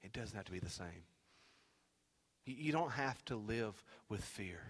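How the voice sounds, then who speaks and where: A man preaching a sermon as pastor, swinging from shouted exhortation to hushed, near-whispered pleading. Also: lowish voice, lively intonation, unhurried. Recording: long reverb of a large hall.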